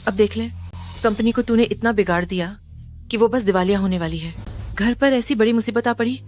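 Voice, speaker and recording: A woman's voice: medium pitch, a little fast, a little mellow, faint music behind, lightly acted. A woman voicing a spiteful, taunting relative. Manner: taunting, accusing. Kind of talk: Hindi dub of a drama.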